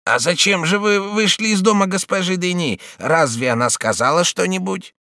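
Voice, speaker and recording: A man's voice: sits high, normal speed, pushed and bright, no room sound, clean studio sound, pitched above the performer's own voice. A man voicing an alarmed, protective old female servant in an audiobook, crying out shrilly.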